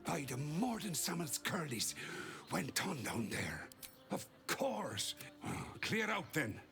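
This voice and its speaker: Gruff male rogue, exasperated, blustering, forceful tone, animated pitch, video game dialogue. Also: slow, soft background music, exaggerated voice. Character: gruff, grumbling male rogue, colorful oaths. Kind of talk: video game character acting.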